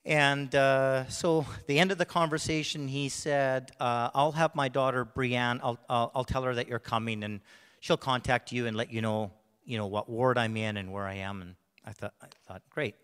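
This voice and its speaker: A man with a bad cough telling a personal testimony to a church congregation, halting with many restarts and fillers. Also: medium pitch, fairly even intonation, a bit bright, clear, resonant tone. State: bad cough, clears throat. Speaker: church member sharing a testimony. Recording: long reverb of a large hall.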